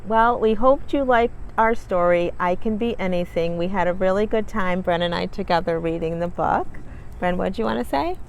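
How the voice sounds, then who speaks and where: A woman with a mid-range voice reads a storybook aloud at a moderate pace, hosting a children's read-along and offering warm, encouraging asides to viewers. Background music sits behind her, and the low-quality recording carries a little hiss or hum.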